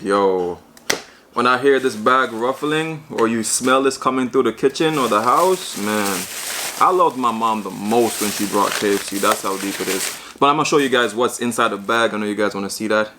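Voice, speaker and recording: A Jamaican man talks his way through a mukbang, easygoing and excited as he unpacks his meal. His voice sits on the low side, and clear background noise and crinkling bags run under it. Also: normal speed. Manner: excited, casual, chatty. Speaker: vlogger. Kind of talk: mukbang vlog. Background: bag crinkling.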